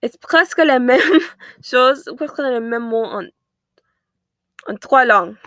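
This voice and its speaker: A woman's voice: fairly high pitch, slow, fairly bright tone, no room sound, studio quality. A seventeen-year-old woman with an American accent and native English, chatting casually to viewers in a second language, hesitating as she searches for words and corrects herself. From United States. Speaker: vlogger.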